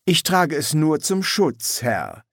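A man voicing a polite, patient male vampire recruit who answers calmly and courteously, in an audiobook. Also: mid-range voice, slow pace, no echo, studio quality.

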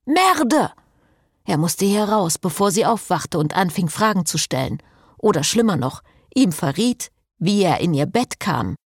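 Woman audiobook narrator, low husky voice, very lively pitch, slow. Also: dry recording, studio quality. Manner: slow, expressive reading. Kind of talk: scripted narration.

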